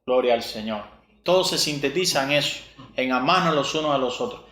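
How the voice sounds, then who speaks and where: A man's voice: medium pitch, fairly quick, a bit bright. A man, possibly, preaching a sermon, asking rhetorical questions and repeating verses. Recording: echoey room.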